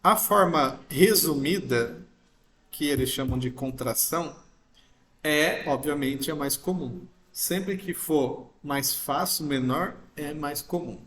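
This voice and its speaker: A man gives a recorded grammar lesson in a slow, deliberate way, pausing to check that his students follow. His voice sits somewhat high. The sound carries a noticeable echo from the room around him. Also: a bit bright, slight background noise. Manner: patient, explains step by step, frequent "ok?" check-ins. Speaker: English teacher. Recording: roomy echo.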